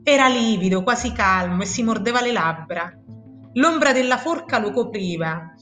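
Woman reading in a grave, measured voice. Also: medium pitch, expressive. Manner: grave, measured, with slow pauses. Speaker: reader. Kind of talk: solemn literary reading. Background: soft instrumental music.

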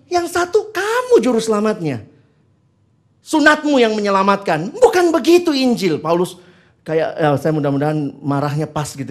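A man preaching a sermon, teaching from the Bible, asking his listeners questions and dropping in English phrases, moving between loud emphasis and quiet asides. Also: very high voice.

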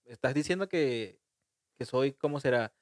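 A man's voice: mid-range voice, animated, moderate pace, dry recording, studio quality. A man with a Mexican accent, co-hosting a casual chat, chatty and laughing along. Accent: Mexican Spanish.

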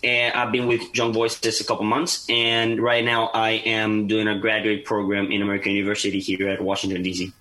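Bright-voiced young Venezuelan man. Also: on the low side, completely flat delivery, fairly quick, hardly any pauses, rough recording. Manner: earnest, many fillers and restarts. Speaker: guest. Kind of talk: podcast interview.

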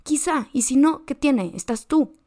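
In an unhurried, expressive way, a Mexican-accented woman hosts a motivational podcast, talking right at the listener with frank, slang-filled advice. Her voice is high-pitched yet dark in tone.

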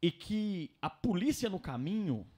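A young Brazilian man, telling his story casually on a podcast in a slangy, animated way. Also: sits high, measured pace, slightly rough.

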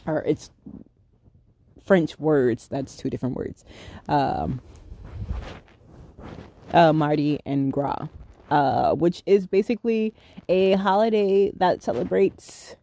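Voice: medium pitch, slow pace, creaky, long pauses, mellow. A thirty-year-old podcast host talking alone in a casual, rambling way and often stopping to correct themself. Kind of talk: casual solo podcast monologue.

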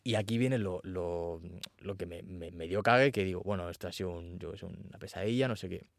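Animated man telling a story. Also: sits low, a little fast, gravelly, dry recording, clean studio sound. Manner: animated storytelling, acts out quotes. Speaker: actor guest. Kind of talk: casual interview chat.

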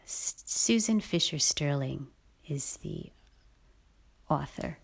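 A woman with a slightly low voice speaks at a very unhurried pace, as if hosting an intimate podcast. Her delivery is breathy, often sinking almost to a whisper, and she muses effusively without a script. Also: lively intonation. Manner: slow, musing, effusive. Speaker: podcast host. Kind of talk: intimate, unscripted podcast monologue.

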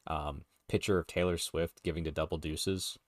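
A man co-hosting a podcast, chatting casually, rambling with restarts and quick laughs. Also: extremely low pitch, steady tone, no room sound. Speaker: podcast co-host. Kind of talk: casual chat.

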